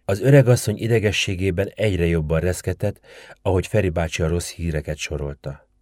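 Deep-voiced male storyteller, dry close sound. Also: a little mellow, dry recording. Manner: measured, vivid storytelling. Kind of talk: scripted narration.

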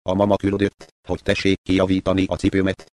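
A man's voice: low-pitched, monotone, dry recording, natural voice. A man reading the lines of a poor young boy who speaks hesitantly and pleads. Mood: pleading. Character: poor timid young boy, anxious but stubborn.

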